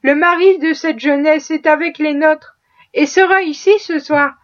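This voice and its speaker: Woman reading a calm Quaker farmer. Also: high voice, unhurried. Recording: muffled lo-fi audio.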